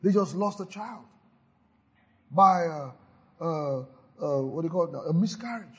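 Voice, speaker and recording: A pastor preaches a sermon, urging his listeners on and leading them in repeated call-and-response declarations peppered with hallelujahs. His fairly high voice is expressive and has a breathy edge, and he speaks at a measured pace.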